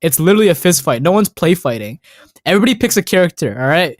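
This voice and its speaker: A man co-hosting a podcast, telling childhood stories in a loud, excitable way and swearing constantly. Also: a little high, quick pace, dry recording, clean studio sound. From North America. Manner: excitable storytelling, heavy swearing. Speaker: podcast co-host. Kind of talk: casual podcast chat.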